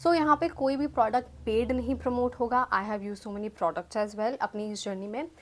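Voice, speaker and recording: A woman's voice: fairly high pitch, normal speed. Chatty young woman vlogging. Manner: chatty, self-mocking, fumbles words and laughs it off. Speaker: YouTube vlogger. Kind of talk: casual chat to camera, mixing Hindi and English.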